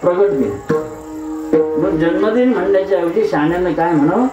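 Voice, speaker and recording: A man's voice: sits high, a little fast, muffled recording. A man preaching a devotional kirtan sermon, posing rhetorical questions and answering them himself with wordplay. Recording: echoey hall, mic at a distance, music behind.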